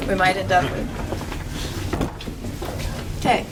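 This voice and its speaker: A woman in her fifties facilitating a group exercise, giving brisk directions and laughing easily. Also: mid-range voice, steady tone. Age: 50s. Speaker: workshop facilitator. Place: indoor meeting room with a group. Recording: distant mic with background noise.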